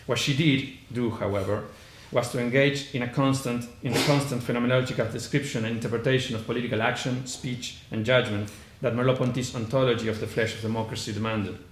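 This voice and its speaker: A man with a heavy Argentine accent, medium pitch and fairly even intonation presents at a conference, reading quickly from notes with few pauses. He hesitates often, with many "uh" fillers and false starts, in an echoey room with faint background noise.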